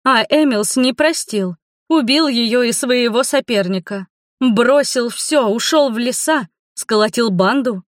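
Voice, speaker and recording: A woman's voice: a little high, a little slow, no room sound, clean studio sound, voice pushed up, natural voice. A woman voicing a chatty, kindly older townswoman who exclaims dramatically, in an audiobook reading. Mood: gossipy.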